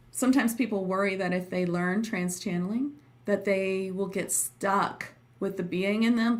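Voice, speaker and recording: A woman hosting a casual livestream as a teacher, chatting with viewers in an informal, giggly, effusive way. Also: mid-range voice. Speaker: host and trance channeling teacher.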